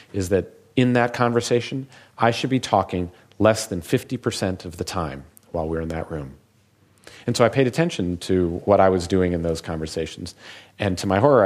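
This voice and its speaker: A man, a physician, giving a public talk in a measured, reflective storytelling manner. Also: deep voice.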